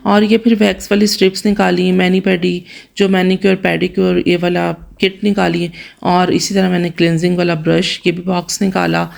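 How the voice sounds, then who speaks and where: Pakistani punjabi-accented woman, hoarse and worn out, lowish voice, chatty vlog voiceover, talks right to viewers. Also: flat delivery, brisk, a little mellow. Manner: chatty, addresses viewers directly, asks their opinion. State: hoarse, tired from fasting. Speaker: vlogger. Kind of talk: casual home vlog voice-over. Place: home in Germany, voice-over.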